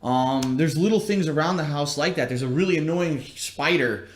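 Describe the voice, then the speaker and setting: A man streaming from a bare, newly moved-into house, his voice echoing like a cave off the empty rooms as he chats casually and rambles about his plans. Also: moderate pace. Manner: rambling, plain-spoken. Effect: cavernous room echo from bare, unfurnished rooms. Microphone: laptop livestream. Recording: echoey empty room on a low-quality laptop stream.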